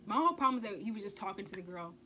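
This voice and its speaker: Racing along against a noisy background, a woman vlogger speaks expressively at medium pitch. Her casual personal story is blunt and emphatic, full of free swearing and rhetorical "okay?" checks.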